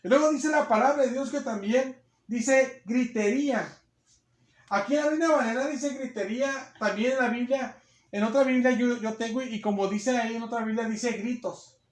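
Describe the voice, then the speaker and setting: A man's voice: very high voice, moderate pace. A man preaching a sermon, emphatic and repetitive, often checking in with his listeners, recorded on a phone in a church hall. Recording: echoey room on a phone.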